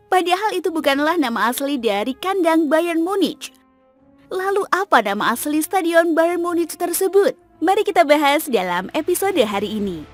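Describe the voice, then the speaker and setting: A woman narrating a scripted football explainer in a steady, informative read-aloud delivery. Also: sits high.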